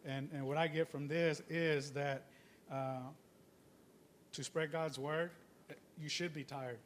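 A church member, a man, offers a hesitant reflection during a sermon, pausing often with "uh". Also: on the high side, fairly even intonation, a little hiss or hum. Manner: slow and hesitant, with many "uh"s. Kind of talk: informal comment during a sermon.

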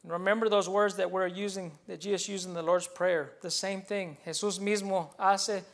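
Preaching unhurriedly in a steady tone, this pastor has a fairly high male voice and an earnest, teacherly style. He walks through a passage, then says it again in another language, with hesitant fillers and restarts along the way, in a bilingual sermon.

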